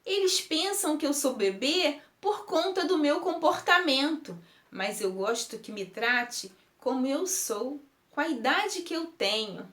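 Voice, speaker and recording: Slow, expressive woman reading. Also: high-pitched. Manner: slow, emotive, lingering on words. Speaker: reader. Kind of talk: expressive reading of a first-person text. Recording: roomy echo.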